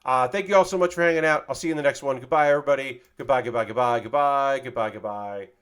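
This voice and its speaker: On a livestream where he's building a model kit, a man chats casually in a smooth, slightly bright mid-range voice, talking fast. Tiredness shows in his slightly worn voice. The talk is loose and profane, with plenty of fillers.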